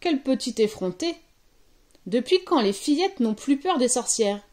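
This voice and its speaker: A woman voicing a grumpy, cunning old witch in a storybook reading, with a high, cranky voice. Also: animated, normal speed, a little mellow. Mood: scornful. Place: at home on an old sofa.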